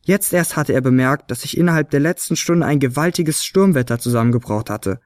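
A man narrating a children's Christmas story in a lively, expressive reading. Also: a little high, brisk, dry recording, studio quality.

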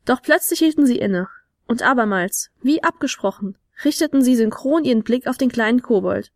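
A woman reads a children's advent story aloud. She is lively and expressive, and her voice sits fairly high. The sound is dry and close to a studio mic. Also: moderate pace, dry recording. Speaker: narrator. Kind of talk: storybook reading.

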